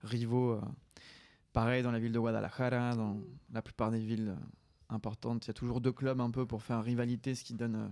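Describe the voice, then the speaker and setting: A man's voice: medium pitch, level tone, brisk, darkish tone, no echo. A man from France, a guest author on a livestream, talking casually with plenty of hesitations and restarts. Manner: hesitant, many fillers and restarts.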